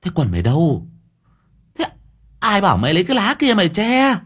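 A man voicing a brash, sharp-tongued middle-aged woman exorcist who scolds in high, shrill exclamations in a storybook. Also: huge pitch swings, fairly quick, slightly rough, exaggerated voice. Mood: scolding.

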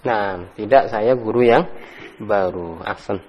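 Speaking at a measured pace in a fairly low voice, a man teaches Arabic grammar, correcting his students with patience and praising them frequently. The lo-fi recording was made in a mosque study hall with long reverb.

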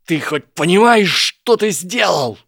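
A man voicing a proud boy wizard who is furious and shaken, shouting with his voice breaking from rage. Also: on the low side, normal speed, gravelly, no room sound, clean studio sound. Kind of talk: audiobook character voice.

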